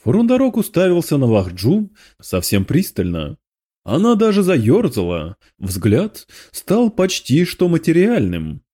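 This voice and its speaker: Man, audiobook narration, slow and warm, expressive. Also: fairly high pitch. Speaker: audiobook reader. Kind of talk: scripted narration.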